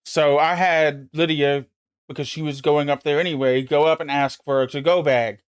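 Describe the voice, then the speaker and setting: High-voiced guy streaming, ranting and cussing, super dry close sound. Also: fairly even intonation, normal speed, clear, resonant tone, no room sound. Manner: ranting, emphatic and profane. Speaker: livestream host. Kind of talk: casual chat.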